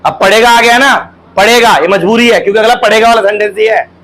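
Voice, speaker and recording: A male teacher with a Hindi accent, giving a classroom grammar lesson and dictating sentences slowly with repetition. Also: high-pitched, fairly bright tone, a little hiss or hum, poor audio. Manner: slow, drawn-out dictation with repetition.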